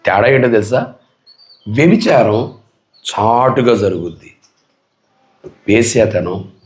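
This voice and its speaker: A male pastor preaching a sermon, emphatic and full of rhetorical questions put to the congregation. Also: medium pitch.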